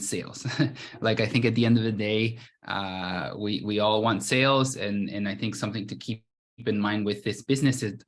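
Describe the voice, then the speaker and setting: Man from Guatemala with a lowish voice, loose and conversational, talking over a video call as a founder presenting. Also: a bit bright. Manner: casual, with many restarts and filler words. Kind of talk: conference presentation.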